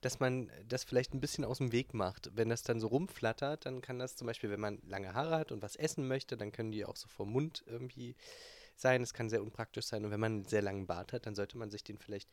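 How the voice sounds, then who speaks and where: A man's voice: medium pitch, brisk, dry recording. Easygoing man co-hosting a podcast. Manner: easygoing, mock-advisory. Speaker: podcast co-host. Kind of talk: casual chat.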